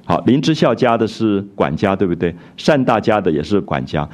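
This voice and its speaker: A man's voice: fairly low pitch, big pitch swings, brisk, darkish tone. A man giving a storytelling lecture on a classic novel, retelling its scenes and musing aloud about them.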